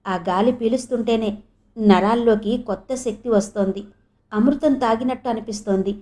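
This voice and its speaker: A woman narrating a novel as an audiobook in a measured, expressive storytelling manner. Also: fairly high pitch. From India.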